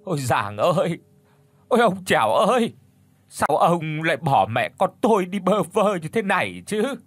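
A man voicing a grief-stricken middle-aged village widow with a hoarse voice, in a storybook reading. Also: medium pitch, sing-song, moderate pace, no echo, soft background music. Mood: wailing. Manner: weary, sobbing pleas.

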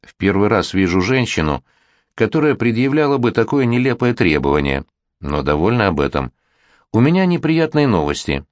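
A man's voice: fairly low pitch, sing-song, normal speed, no echo. A man voicing a firm, worldly middle-aged father who lectures his daughter, in a read-aloud storybook. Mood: stern.

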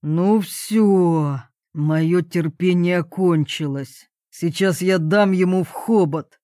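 A man's voice: high voice, slow, mellow, dry recording, clean studio sound, pitched below the performer's own voice. A woman reading an audiobook, voicing a big, burly man who speaks in a threatening, indignant way. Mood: angry. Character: big, burly, angry man with huge fists.

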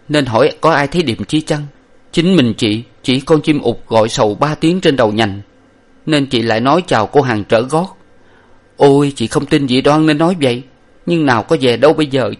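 A man's voice: mid-range voice, voice pushed up, lightly acted. A man voicing a loyal young male hero who weeps and laments solemnly.

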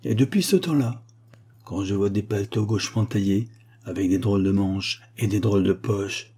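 A man narrating a literary story as an audiobook, in a measured, expressive storytelling manner with a husky voice. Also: lowish voice.

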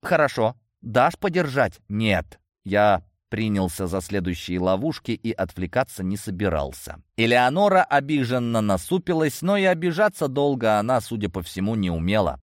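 A man reading a fantasy game novel aloud in the first person, with wry, expressive storytelling. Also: fairly low pitch, moderate pace, few pauses, no echo, studio quality. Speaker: audiobook narrator. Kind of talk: first-person audiobook narration.

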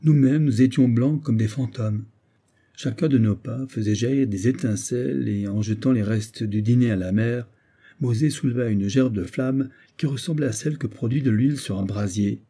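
A man's voice: mid-range voice, moderate pace, warm tone, slightly rough. A man voicing a weathered male sea captain who grimly recounts an eerie tale from his voyages. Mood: grave. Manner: grave, storytelling. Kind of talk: scripted narration of a classic story.

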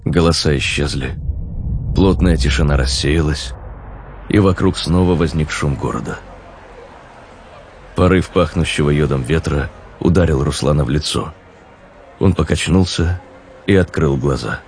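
A man narrating an audiobook in a measured, descriptive storytelling manner. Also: very deep voice, darkish tone, a little hiss or hum.

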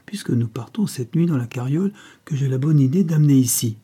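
A man reading the part of a stout, bossy woman trader with a brisk way of talking. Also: medium pitch, animated, dark tone, breathy edge. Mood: scheming.

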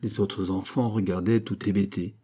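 Here a man with a low, husky voice performs audiobook narration of a classic novel, telling the story in a measured, expressive way.

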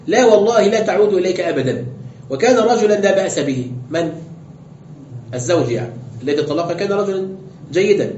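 Male sheikh, brisk lecturer, higher voice, dull roomy recording. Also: darkish tone, slight background noise. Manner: explains step by step, asks rhetorical questions. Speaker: sheikh teaching tafsir and fiqh. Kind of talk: classroom lecture with questions.

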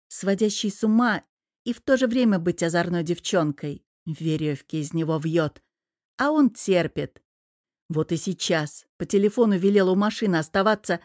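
A woman reading an audiobook in scripted narration, with an expressive storytelling manner into a close mic. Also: on the low side, dry recording.

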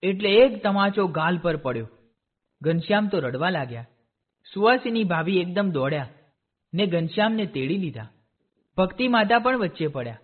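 A man reads a devotional storybook aloud in a steady, clear voice. His voice sits high for a man. The sound is narrow and tinny, like a phone line. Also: normal speed. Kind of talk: storybook narration.

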